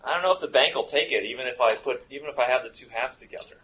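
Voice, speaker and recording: A man voicing a hazy, broke English stoner who rambles slowly and hesitantly, with an English accent. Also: mid-range voice, fairly bright tone, a little hiss or hum, natural voice, low-quality recording. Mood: rambling. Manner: slow, rambling, hesitant drawl.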